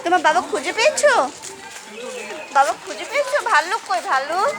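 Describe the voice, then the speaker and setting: A woman, filming at a zoo and gently coaxing her small child while pointing things out. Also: very high voice, big pitch swings, brisk, crowd noise. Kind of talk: casual vlog narration. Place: outdoors at a zoo garden. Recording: noisy outdoor ambience.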